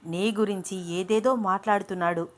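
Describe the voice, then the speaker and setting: In an audio story, a woman narrator voices a level-headed young man who explains things patiently and affectionately. She keeps him near her own middle pitch, with an even, reasoning tone, normal speed, and a near-everyday voice.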